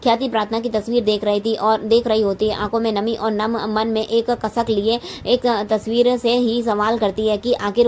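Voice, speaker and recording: Woman, serial recap narration, flat delivery, frequent restarts, faint noise behind. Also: on the high side. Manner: frequent restarts and self-corrections.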